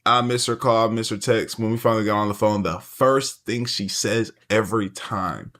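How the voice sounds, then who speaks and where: A man's voice: lowish voice, normal speed, fairly bright tone. A man streaming and reacting to a video, talking in a loose, rambling, slang-heavy casual way. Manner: slangy, loose and rambling, lots of "you feel me". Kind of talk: casual chat.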